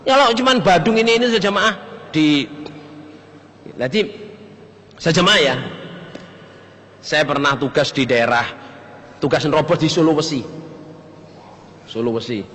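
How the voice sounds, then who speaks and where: Older javanese guy giving a sermon, bright punchy voice, big echoey hall. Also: measured pace, long pauses. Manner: lively, jokes and leaps between high and low pitch. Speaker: preacher. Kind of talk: sermon to a congregation. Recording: long hall reverb.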